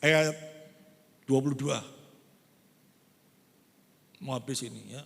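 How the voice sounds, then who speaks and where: A man preaching a sermon, lively and conversational, acting out quotes. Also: mid-range voice, slow pace, creaky. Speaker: pastor. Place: large church hall. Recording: long church hall reverb.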